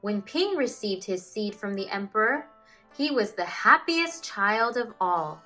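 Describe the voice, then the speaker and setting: A woman teacher reads to children in an unhurried, deliberate storytelling voice. Her intonation is very animated, rising and falling to give phrases emphasis, with music present in the recording. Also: mid-range voice. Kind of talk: expressive children's storybook reading.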